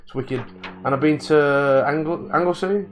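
A man commenting on his own gameplay, muttering to himself, swearing and getting excitable. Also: fairly high pitch, normal speed, music in the background. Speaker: let's play gamer.

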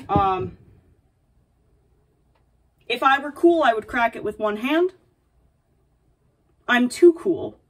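A young woman playing a playful, sassy princess hosting a comedic baking tutorial, with dry asides and a mock-dainty manner. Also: medium pitch. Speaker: baking video host. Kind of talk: comedic in-character cooking tutorial. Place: small home apartment kitchen, indoors. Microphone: camera a few feet away. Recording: distant kitchen camera microphone.

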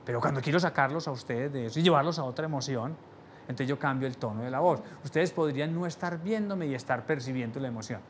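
A man teaching a live sales seminar. He asks the audience rhetorical questions and drops his voice low to stress key points. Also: fast talker, slight background noise. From Latin America. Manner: animated, shifts volume for emphasis, drops voice low on key points. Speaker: sales trainer.

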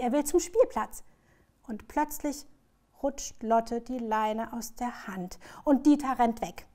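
A woman author reading her children's book aloud in a lively, expressive storyteller's manner. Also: fairly high pitch.

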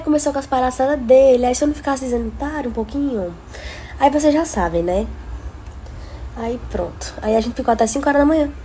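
A Brazilian influencer in her twenties, sick with a cold, tells casual vlog stories to her followers from her living room and kitchen. She holds the phone at arm's length and is chatty and breezy, getting animated when she vents. Her voice is a little high, with a bit of hiss or hum.

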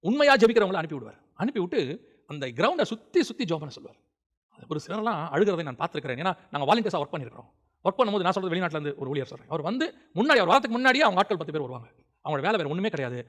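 Fast, fervent high-voiced male preacher. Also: very animated, a bit bright. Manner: fervent, rising to emphatic outbursts; colloquial, acts out quoted prayers. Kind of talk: sermon.

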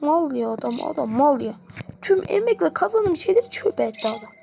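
A woman giving excitable live gameplay commentary, pleading and yelling at the game. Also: sits high, fairly quick, gravelly, a little hiss or hum. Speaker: gamer.

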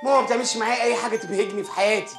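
A man's voice: sits high, fairly even intonation, rapid-fire, fairly bright tone. A spoiled, petulant man-child with an Egyptian accent in a TV comedy. He whines and sulks at a breakneck pace, and light music plays behind him. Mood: whiny sulking. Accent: Egyptian Arabic. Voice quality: whiny, sulky. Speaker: lead actor in a comedy series. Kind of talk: sitcom acting.

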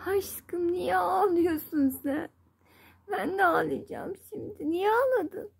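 Turkish woman, baby talk to a cat, squeaky high voice, slow and drawn out. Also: creaky. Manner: soothing, doting, repeats pet names. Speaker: cat owner. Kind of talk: cooing baby talk to a pet.

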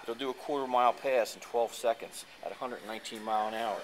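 A man giving an enthusiastic dealership sales pitch for a car, reciting specs in a showroom, recorded on a handheld camera. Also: fairly even intonation, quick pace. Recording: noisy showroom ambience.

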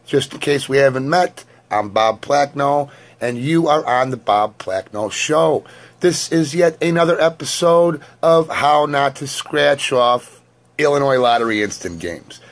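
A hoarse man hosts his own lottery scratch-off show from home. He talks like a crude, wisecracking showman, wordy and full of off-color jokes, his voice sitting at an ordinary middle pitch. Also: animated, measured pace. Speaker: host. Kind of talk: lottery ticket vlog chat.

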